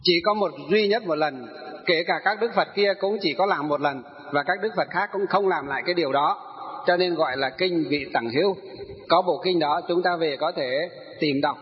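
A man with a high voice delivers a sutra lecture as a Buddhist teacher, asking rhetorical questions and then answering them. The recording sounds dull and muffled. His voice trails off into a long reverb, as in a large hall. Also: normal speed.

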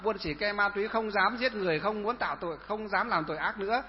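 A man's voice: high voice, fast, slight background noise, lightly acted. A man, preaching as a monk, voicing a male criminal who begs for mercy over and over. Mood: pleading. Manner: pleading, repetitive. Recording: dull lo-fi sound with long reverb.

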